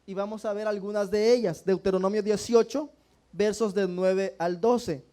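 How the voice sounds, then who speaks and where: Male preacher, high pitch, call-and-response sermon style in church. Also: fairly even intonation, normal speed, dark tone. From El Salvador. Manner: asks the congregation rhetorical questions and often calls them brothers.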